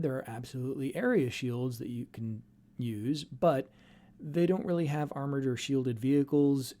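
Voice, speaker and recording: A man's voice: medium pitch, dark tone. A man narrating an explanatory fan commentary as a host, with wry, dryly sardonic asides. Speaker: host and narrator of a video series.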